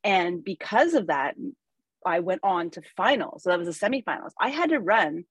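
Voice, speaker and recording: A woman with a lowish voice talks in a relaxed, halting way, full of restarts and fillers. The sound is dry and close, with no room around it. It is casual podcast conversation. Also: slightly rough, no echo, poor audio. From Canada. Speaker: guest, pole athlete.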